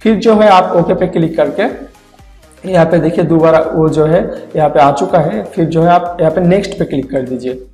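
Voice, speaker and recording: A man's voice: on the high side, normal speed, a little mellow, roomy sound, big-room sound, faint music behind. A man hosting a tech channel, walking viewers step by step through a computer driver install. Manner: step-by-step explaining. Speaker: tech tutorial host. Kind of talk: screen-recorded tutorial.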